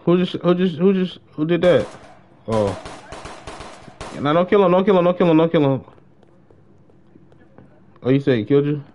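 Here the young American streamer sounds fairly high and expressive, speaking at normal speed with frequent pauses and a warm tone. He chats slangily about his online roleplay shooter game, repeating short phrases, over slight background noise in dull, lo-fi stream audio.

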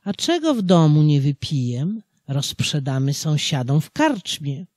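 A scheming, gleeful devil from an old folk tale coaxes and cajoles in a slow, breathy voice that jumps up high on his exclamations, as the narrator puts him on. The reading is close and dry, and the pitch moves a lot. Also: very animated, no echo. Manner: coaxing, boisterous, loud high exclamations.

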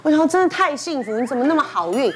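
A woman's voice: high voice, rapid-fire, slight background noise. A woman guest on a talk show, telling an anecdote and acting out each person's lines. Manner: lively storytelling that acts out dialogue. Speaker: celebrity guest.

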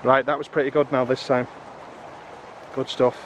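A middle-aged man chatting excitably to his viewers while magnet fishing outdoors in a river, filmed on a camera. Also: medium pitch, normal speed, a little hiss or hum. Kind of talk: casual outdoor commentary. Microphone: camera on a tripod or handheld.

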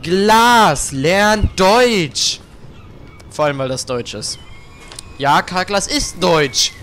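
A man's voice: on the high side, expressive, takes it slowly, fairly bright tone. A young man commenting on a video game he is playing, crude and jokey, trash-talking the characters on screen. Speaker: let's play gamer.

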